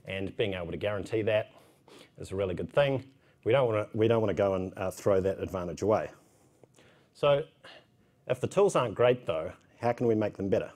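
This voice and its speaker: Male conference speaker, thirties, low voice, strong New Zealand accent, casual and wry delivery. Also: a little mellow. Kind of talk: informal technical conference talk. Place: indoor conference room, at a podium.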